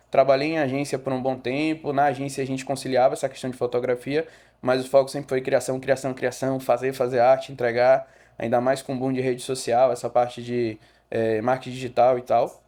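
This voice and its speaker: This podcast guest is a young man from Rio de Janeiro, a photographer, whose Brazilian Portuguese carries a Bahian accent. His voice sits on the high side as he relaxedly shares his story, using fillers and correcting himself along the way.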